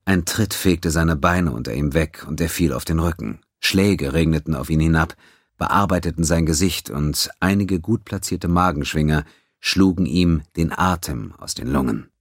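A man narrating a science-fiction audiobook in a steady, even storytelling manner. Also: very deep voice, slightly rough, dry recording, studio quality.

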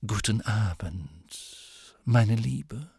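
A man's voice: on the low side, expressive, extremely slow, vocal fry, darkish tone, husky, no room sound, heavily acted. Tipsy, resentful old teacher, slurred and huffy, voiced by a male reader, dry close sound. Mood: vague.

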